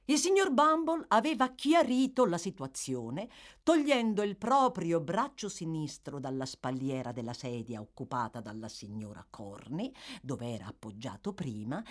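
A woman narrating a classic novel aloud in a measured, expressive storytelling manner. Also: deep voice. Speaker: audiobook reader. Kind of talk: literary audiobook narration.

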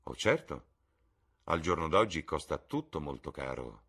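A man with a very deep, husky voice reading a witty, cynical aristocrat who speaks in ironic epigrams. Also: sing-song, a little slow, fairly bright tone, heavily acted.

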